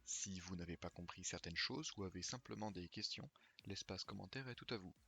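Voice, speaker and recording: Low, gravelly man teaching pronunciation. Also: bright, forceful tone. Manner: slow, careful repetition of names. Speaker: pronunciation teacher, video host. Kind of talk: scripted teaching monologue.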